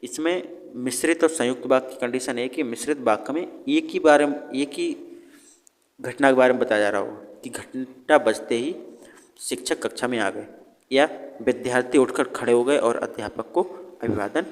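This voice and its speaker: A man's voice: medium pitch, normal speed, in a large hall. A man teaching an exam revision lesson, asking questions and answering them himself. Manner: explains by asking and answering his own questions.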